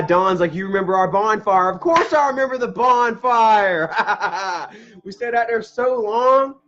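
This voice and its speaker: A man's voice: high voice, lively intonation, slow pace, bright, forceful tone, highs cut off, soft background music. A man chatting casually on his live stream, rambling through memories, laughing often and swearing as he eats. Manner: eating ice cream while talking.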